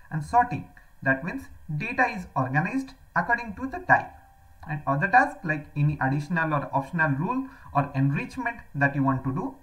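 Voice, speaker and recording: A woman's voice: fairly low pitch, a bit bright, low-quality recording. A woman teaching a slide-based tech lecture, explaining each term step by step and often restating it with "that means". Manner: explanatory, repeats "that means", self-corrects. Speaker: cloud computing instructor. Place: voice-over on slides.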